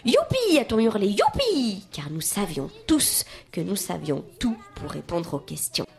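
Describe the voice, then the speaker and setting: A woman reading a children's book aloud in a lively, expressive way, with whispered asides. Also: lowish voice, normal speed, gravelly. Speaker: storyteller.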